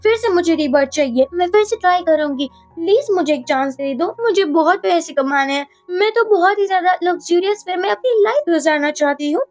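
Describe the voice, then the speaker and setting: Woman reading as a sharp-tongued scheming young wife, very high and dry, faint music under. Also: lively intonation, fairly quick, few pauses, no echo. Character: scheming young wife chasing divorce and money.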